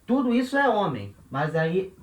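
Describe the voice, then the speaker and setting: A man's voice: high-pitched, huge pitch swings, normal speed. A man with a Brazilian Portuguese accent teaching a grammar lesson at a board, patient, repeating key points and checking in with listeners as he goes. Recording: roomy echo.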